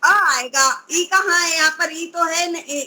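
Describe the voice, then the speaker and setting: A woman's voice: very high voice, fairly even intonation, a little slow, pushed and bright, poor audio. A woman teaching Sanskrit pronunciation, drawing out syllables and patiently correcting her student. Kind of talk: pronunciation lesson.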